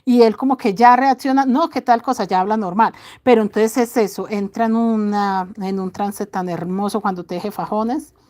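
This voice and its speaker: A middle-aged woman chatting casually to her viewers, loud-voiced and fond of affectionate diminutives. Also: mid-range voice, normal speed, hardly any pauses. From Colombia. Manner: speaks loudly. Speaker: crochet channel host.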